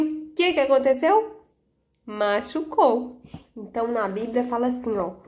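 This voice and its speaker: A Brazilian woman teaches children in the manner of a kids show host. Her voice sits on the high side and she takes her time, speaking very slowly. She asks simple questions, repeats them, and leans on key words as she tells a Bible lesson. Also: darkish tone. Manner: didactic, with emphatic key words.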